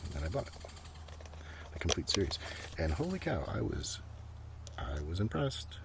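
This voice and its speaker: An ASMR creator with a deep voice and huge pitch swings rambles softly at a moderate pace, hushed and sometimes nearly whispering, as he talks through the things he's showing. He's outdoors, where a gentle breeze and clearly noisy ambient sound fill the recording.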